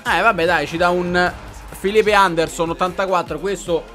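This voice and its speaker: Excitable young Italian gaming streamer. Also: male voice, high voice, moderate pace, faint music behind. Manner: excitable, addresses viewers as "raga". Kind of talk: pack opening commentary.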